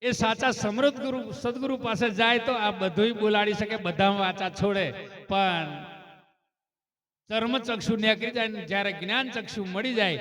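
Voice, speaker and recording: A man's voice: high-pitched, moderate pace, fairly bright tone. A man preaching a devotional sermon, telling a religious story and calling out praise cries to his listeners. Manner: calls out chanted praise cries between story passages; asks the listeners rhetorical questions.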